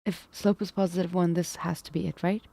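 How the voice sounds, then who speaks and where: A woman works through math problems on a live stream, chatting with viewers, musing aloud, and doubting her own steps while feeling her voice give out. She speaks briskly in a fairly low, steady, gravelly, warm voice, captured in a dry recording.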